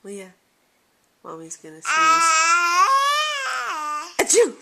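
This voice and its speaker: A woman's voice: mid-range voice, lively intonation, a little slow, a bit bright, a little hiss or hum. A woman, a mother, playfully talking baby talk to her infant at home. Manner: playful, teasing, sing-song.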